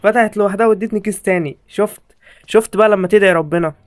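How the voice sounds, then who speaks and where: A young gaming YouTuber with an Egyptian Arabic accent gives jokey, excitable horror game commentary to his viewers from a home setup. His voice is high and racing, with no room sound.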